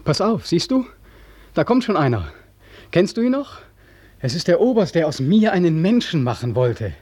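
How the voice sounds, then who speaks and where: A bitter young war veteran in a radio play, accusing and mocking, sometimes whispering. His voice is dark and husky, recorded close and dry. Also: mid-range voice, a little slow, no echo.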